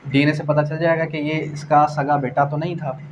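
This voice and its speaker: His voice on the high side, a man with a Pakistani accent lectures on law at a normal speed with little pitch movement. He explains things didactically, repeating phrases, asking questions he answers himself and mixing in English legal terms. Faint background noise accompanies the dull, lo-fi sound.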